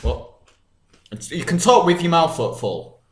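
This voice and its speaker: A man's voice: on the high side, big pitch swings, measured pace. A young man co-hosting a podcast, teasing and blunt, swearing freely in casual chat. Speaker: podcast co-host. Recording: echoey room.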